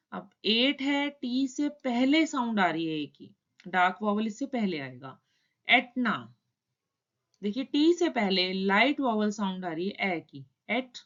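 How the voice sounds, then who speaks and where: A woman teaching shorthand in a calm, step-by-step tutorial, explaining each stroke and vowel in turn. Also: on the high side, muffled recording.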